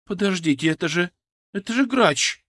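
A man's voice: sits high, animated, moderate pace, fairly bright tone, no echo, clean studio sound, pitched above the performer's own voice. A man voicing a contemptuous woman doctor who speaks with scorn. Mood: shocked. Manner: sneering, scornful. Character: contemptuous female doctor, cold and venomous.

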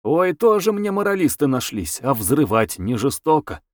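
A man's voice: on the high side, very animated, normal speed, no room sound, clean studio sound, voice pushed up. A man voicing a flippant, cheeky young male scientist in an audiobook, with a mocking, dismissive manner.

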